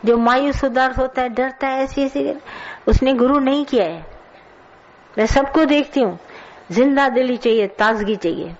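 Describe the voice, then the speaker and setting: A woman's voice: on the high side, dull audio. A woman giving a colloquial spiritual sermon, scolding and telling stories to her listeners. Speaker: spiritual teacher. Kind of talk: satsang sermon.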